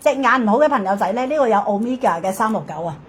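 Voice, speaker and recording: A woman with a Hong Kong Cantonese accent hosting a live hard-sell shopping pitch, insistent and repetitive, often checking in with questions. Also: animated, fast talker, a little hiss or hum.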